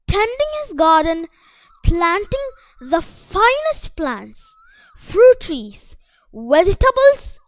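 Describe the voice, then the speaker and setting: A woman narrates a school story in a very high voice. Her pitch moves in a lively way while she reads slowly and deliberately, one phrase at a time. The sound is dry and close. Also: no room sound, poor audio. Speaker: storyteller reading a school textbook story to children.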